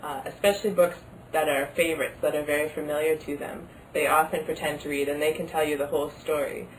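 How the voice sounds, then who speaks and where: A woman's voice: sits low, level tone, fast. A woman giving explanatory advice to parents as an early literacy advisor. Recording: slightly distant mic, faint background noise.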